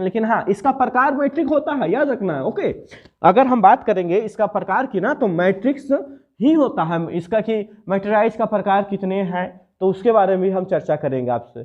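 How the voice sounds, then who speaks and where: Male coaching tutor, Bihari Hindi accent, raised pitch, drills steps over and over, lo-fi phone-quality audio. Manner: repetitive, quizzes the viewer, explains step by step. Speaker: math tutor. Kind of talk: classroom lecture.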